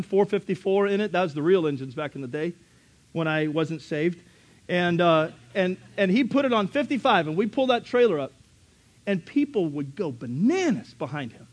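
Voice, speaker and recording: Animated, high-voiced male preacher. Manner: animated storytelling, bursts into shouts. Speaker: pastor. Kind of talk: sermon.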